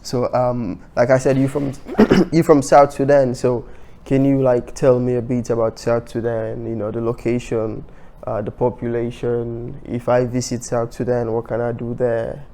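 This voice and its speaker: Flat-toned chatty male podcast host. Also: mid-range voice, normal speed, few pauses. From Sierra Leone. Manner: easygoing, chatty, repeats himself. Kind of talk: casual interview conversation.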